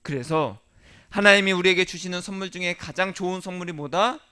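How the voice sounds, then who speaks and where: During his Sunday sermon, this pastor alternates hushed passages with forceful ones and poses rhetorical questions to the congregation. He speaks in a high, clean voice at a fairly quick pace.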